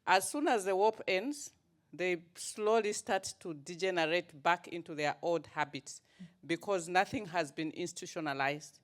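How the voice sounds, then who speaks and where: A woman's voice: lowish voice, normal speed. A woman from Zambia, asking a conference panel direct, orderly questions. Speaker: audience member asking questions, water regulator staff.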